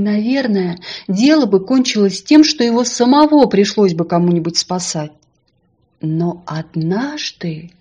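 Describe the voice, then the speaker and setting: A woman narrating a children's story in a soft, gentle, unhurried way. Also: mid-range voice, husky, highs cut off.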